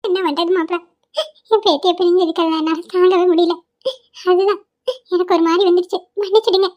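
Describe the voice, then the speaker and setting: A woman's voice: extremely high pitch, level tone, fairly quick, a little mellow, highs cut off. A woman voicing a grumbling old grandmother. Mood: fussing. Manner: lamenting, grumbling monologue. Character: grieving elderly grandmother, scolding, sentimental. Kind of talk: cartoon voice acting.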